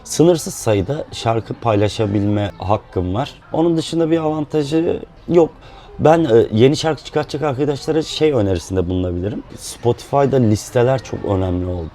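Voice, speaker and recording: A man speaking in a relaxed, explanatory way, with fillers, as a musician guest in a casual chat. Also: medium pitch, normal speed.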